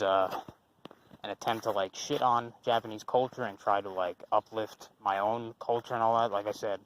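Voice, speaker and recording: A channel host, a young man whose voice is on the low side, responds in unscripted, rambling commentary. He is casual and profane, with frequent fillers and restarts. The audio is poor, with slight background noise.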